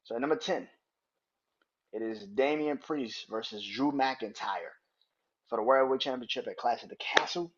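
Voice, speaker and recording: A young male podcast host delivers a casual ranking countdown monologue, swearing freely and laughing often as he gets excited. He speaks at a moderate pace in a husky, mid-pitched voice, and the recording sounds dull and lo-fi.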